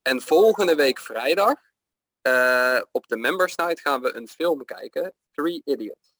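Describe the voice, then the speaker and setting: A man's voice: medium pitch, expressive, unhurried, a bit bright, dry recording. A man giving pronunciation feedback in casual chat, hesitant and full of fillers. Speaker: pronunciation coach.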